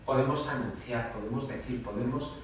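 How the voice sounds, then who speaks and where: A man's voice: medium pitch, normal speed, distant mic, a little hiss or hum. Preaching man in an echoey church. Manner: emphatic, conversational preaching with dramatic quoted voices. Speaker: priest. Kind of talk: homily.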